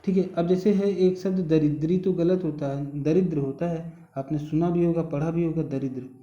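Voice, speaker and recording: A man patiently teaches a spelling lesson, repeating words slowly, stretching out the ones he corrects and often saying "thik hai." His voice is a little high, steady and warm. The recording is muffled and roomy.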